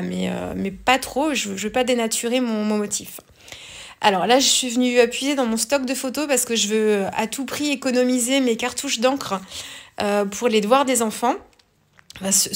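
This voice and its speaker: A woman hosting a craft tutorial in a casual voice-over, chatty and full of hesitations and small self-corrections. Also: a little high. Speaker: scrapbooking tutorial host.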